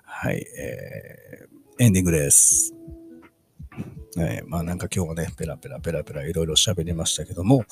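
A man's voice: low-pitched, creaky. A man with a Kansai accent hosting his own talk radio show, chatty and rambling in a laid-back way. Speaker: podcast host. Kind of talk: casual solo radio talk.

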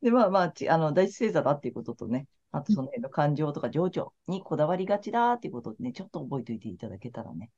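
A woman's voice: sits low, sing-song, racing, few pauses, darkish tone, slightly rough. A woman tarot counselor in casual podcast chat, talking in a frank, laid-back, chatty way. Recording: slightly muffled lo-fi audio.

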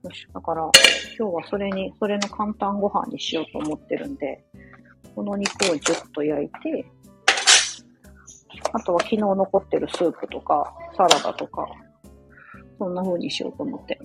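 Osaka woman chatting while she cooks, mid-pitch voice, loud music playing behind her. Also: moderate pace, creaky, long pauses, rough recording. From Osaka, Japan. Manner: rambling, chatty, many fillers, apologetic asides. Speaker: live audio stream host. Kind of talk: casual chat while cooking, reading listener comments. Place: home kitchen.

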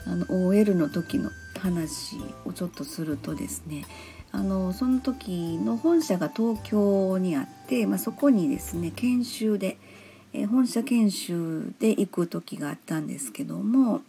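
A woman's voice: medium pitch, lively intonation, measured pace, creaky, dark tone, faint music behind. A woman from Osaka with a Kansai accent, hosting a casual solo talk show in a polite, chatty way with many fillers. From Osaka, Japan. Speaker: podcast host.

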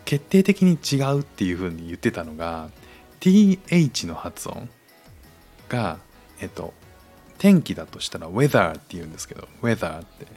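A man's voice: low voice, very animated, normal speed, dark tone, soft background music. A man hosting a casual podcast monologue, talking with lots of fillers and restarts. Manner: hesitant, many fillers and restarts. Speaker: podcast host.

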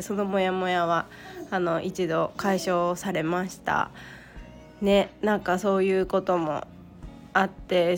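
A woman with a croaky voice, hoarse from a cold, talking casually and haltingly as the solo host of a personal podcast. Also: lowish voice. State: hoarse from a cold, throat-clearing.

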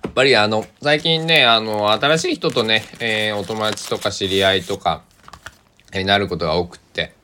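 A man's voice: lowish voice, moderate pace, pushed and bright, slight background noise. A man from Kochi with a Kochi accent, hosting a casual solo radio talk and rambling unhurriedly with many hesitations. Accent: Kochi (Tosa) Japanese. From Kochi, Japan. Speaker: podcast host.

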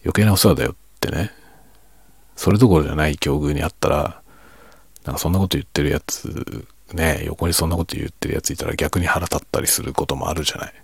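A man with a very deep, gravelly voice speaks softly in a casual, reflective monologue. His husky tone stays low-key and self-deprecating, as if talking late at night. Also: fairly even intonation, a little fast, no echo. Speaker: streamer and hobby novelist.

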